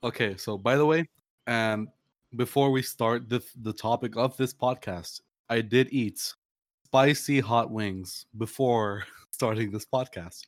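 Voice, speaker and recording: A man's voice: mid-range voice, unhurried, no echo, clean studio sound. A young man from Puerto Rico in casual podcast banter, blunt and foul-mouthed.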